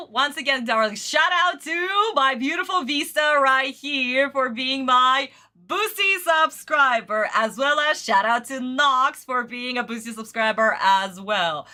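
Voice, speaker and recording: Female reaction streamer, effusive and dramatic, higher-pitched, bright, casual chat delivery. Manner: effusive, theatrical, uses endearments.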